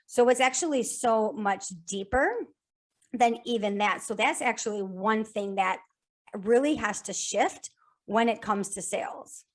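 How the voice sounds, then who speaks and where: A woman guest on a podcast, talking about sales in a casual, energetic way, repeating phrases in lists and often restarting. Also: medium pitch, measured pace.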